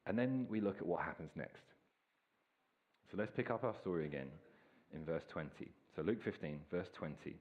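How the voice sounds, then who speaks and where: A man, preaching a sermon in a relaxed, storytelling way. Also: sits low, normal speed, muffled recording. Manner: casual, self-deprecating, lively storytelling. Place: church hall.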